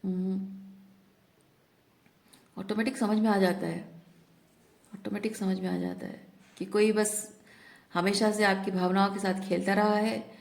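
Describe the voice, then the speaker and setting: A woman's voice: medium pitch, flat delivery, unhurried, creaky, long pauses, darkish tone. A woman tarot reader talking reflectively in a spiritual guidance talk, often mixing in English words.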